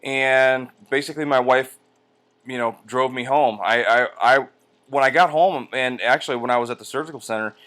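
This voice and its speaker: A man talking casually in a personal vlog, halting with drawn-out hesitations, sore and medicated as he rests after surgery. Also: medium pitch, a bit bright. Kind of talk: casual personal vlog, recounting his experience. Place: indoors at home on a couch by a window.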